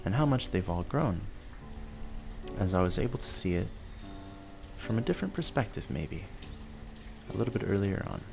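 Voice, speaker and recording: A man rambling softly and sleepily, musing gently and without hurry in short phrases as he hosts. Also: on the low side, expressive, moderate pace, vocal fry, long pauses, music in the background. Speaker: host of a relaxed rambling show. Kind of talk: soft sleepy rambling, narrating a town-building game.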